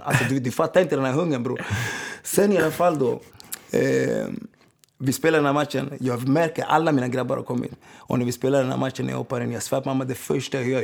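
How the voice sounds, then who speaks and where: A former footballer tells streetwise stories in a casual interview, constantly checking that the listener follows by repeating "förstår du vad jag menar". His voice is mid-range and creaky.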